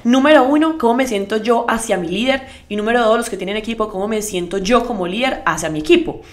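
A young adult woman leading a network marketing team, giving a motivational live talk and speaking straight to her audience with lively asides. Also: fairly high pitch, fast. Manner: emphatic, addresses the audience directly.

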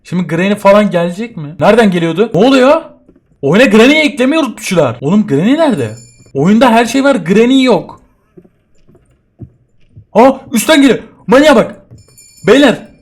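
A young man with a bright, fairly high voice talks through a horror game at his computer. He jokes nervously to viewers and often breaks into startled cries as the scares come. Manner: jumpy, yelps and jokes while scared. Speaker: gaming YouTuber. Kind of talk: horror game let's play commentary.

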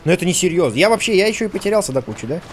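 A man's voice: sits high, big pitch swings, rapid-fire, slight background noise. A man commentating his game playthrough, agitated and swearing, with frustrated outbursts. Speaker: let's play host. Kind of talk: gameplay commentary.

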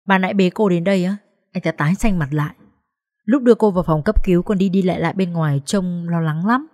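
A woman's voice: lowish voice, fast, darkish tone, lightly acted. A woman voicing a chatty, curious female nurse in an audiobook.

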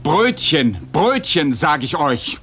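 A man's voice: on the high side, sing-song, slow pace, pushed and bright, exaggerated voice. A man playing a muddled, flustered baker in a children's show. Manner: flustered, sing-song. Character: muddled sausage baker, easily confused. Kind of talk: children's television acting.

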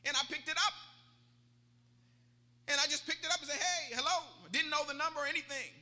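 A man's voice: very high-pitched, little pitch movement, fast talker, bright, forceful tone, big-room sound. A man preaching a sermon as pastor, retelling a story in an emphatic way with stammering restarts. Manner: retells a story, acting out both sides of the talk. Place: church sanctuary.

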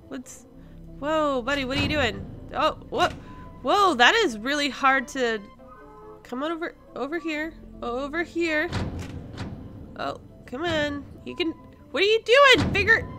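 As host of a gaming series, a woman delivers casual let's play commentary in a high, bright, pushed voice. She works through her thoughts out loud and exclaims in surprise along the way.

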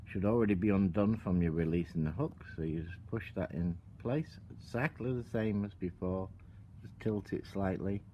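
A man giving a calm, step-by-step tutorial while working with his hands at an outdoor table. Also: deep voice, normal speed, dull audio, a little hiss or hum. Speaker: product demonstrator.

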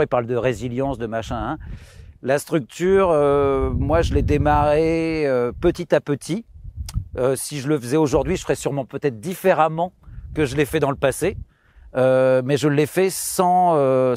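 A man's voice: a little high, a little mellow, dry recording. A man in his thirties explaining his farm outdoors on a tour, casual and hesitant with many fillers. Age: 30s. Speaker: farmer giving a farm tour.

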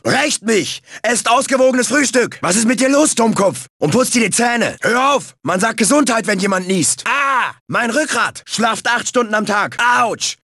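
A man voicing a big, brash, dim-witted bandicoot bruiser for a cartoon video game, cocky, shouty and taunting in a raspy voice. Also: extremely high pitch, animated, moderate pace, hardly any pauses, no room sound, studio quality, exaggerated voice. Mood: indignant. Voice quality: raspy, gravelly. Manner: cocky, shouty, taunting, third-person bragging.

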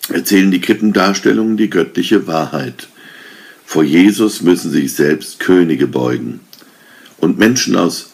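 A man's voice: low-pitched, slightly rough, exaggerated voice. A man voicing a towering, threatening man dressed as a holy king, who lectures sternly in a storybook reading.

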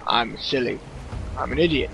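A man's voice: medium pitch, moderate pace, creaky, muffled recording, over music. A man giving sarcastic, profane, joking let's play commentary over a video game. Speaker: gaming commentator.

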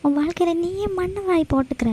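A woman's voice: very high voice, fast talker, warm tone, low-quality recording. A woman voicing a scolding, worried friend. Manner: scolding, exasperated. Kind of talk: cartoon voice acting.

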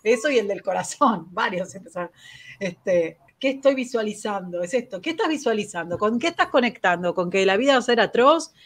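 A woman with a Rioplatense Spanish accent hosts a live spiritual talk. Her delivery is rapid and lively, she poses question after question, and she laughs at herself. Her voice sits at a middling pitch. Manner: fast-talking, laughs at herself. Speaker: host.

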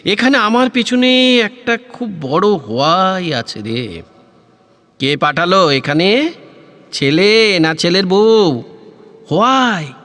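Actor as a theatrical, high-pitched elderly man, radio play. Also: expressive, fairly bright tone, in a large hall, full character voice. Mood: probing. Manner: theatrical, teasing, repeating words, drawn-out phrases. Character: playful, nosy elderly man, a childhood sweetheart reminiscing. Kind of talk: Bengali audio drama acting, like an old radio play.

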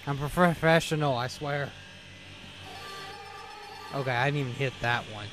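A man's voice: mid-range voice, moderate pace, music in the background. A man doing casual, jokey playthrough commentary, reacting to a video game as he plays. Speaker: gaming video host.

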